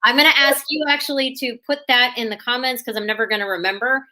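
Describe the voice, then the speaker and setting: A woman's voice: fairly high pitch, steady tone, fast, pushed and bright. A woman in her mid-thirties hosting a casual interview show, bubbly and talkative. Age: 30s. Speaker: show host.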